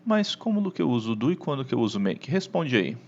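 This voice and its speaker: A man with a Brazilian Portuguese accent teaching an English lesson online, animated, often checking in with the listener. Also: medium pitch, fairly quick, vocal fry, dull audio, slight background noise.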